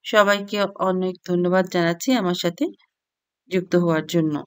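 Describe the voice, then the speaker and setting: Woman, language teacher, smooth clear voice, dry close sound, reads syllables one by one. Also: lowish voice, steady tone, moderate pace, no room sound. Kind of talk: slow spoken lesson, reading out a chart.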